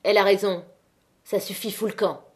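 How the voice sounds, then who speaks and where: A woman's voice: medium pitch, steady tone, a little fast, lightly acted. A woman reading aloud voices a young male miner leader, speaking in a hard, commanding tone. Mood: curt.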